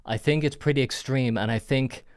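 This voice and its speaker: A man's voice: mid-range voice, steady tone, normal speed, clean tone, no echo, clean studio sound. A man hosting a call-in show, chatting in a joking, rambling way and stumbling over his words, talking into a landline phone handset. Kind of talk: casual joking chat. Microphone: landline phone handset wired to a computer.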